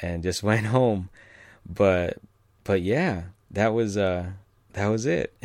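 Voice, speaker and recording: A man with a very low voice tells an anecdote in a relaxed, rambling way, full of fillers and little chuckles. The sound is dry and close, with no room around it. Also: dry recording. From California. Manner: rambling, many fillers and restarts, chuckles often. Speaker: storyteller. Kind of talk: casual personal anecdote.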